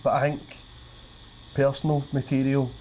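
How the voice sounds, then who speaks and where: A man's voice: medium pitch, flat delivery, normal speed, a little mellow, a little hiss or hum, rough recording. A man with a thick, broad Glaswegian Scottish accent in casual podcast chat, speaking colloquially with an occasional slight stutter. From Glasgow, Scotland. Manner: colloquial, broad Scots wording, some swearing. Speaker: stand-up comedian, podcast guest.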